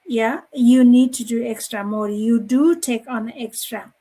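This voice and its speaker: Nepali-accented woman in her forties, panel guest, fairly high voice, halting talk full of fillers. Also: dark tone. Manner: halting, many fillers and restarts, non-native phrasing. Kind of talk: live online panel chat.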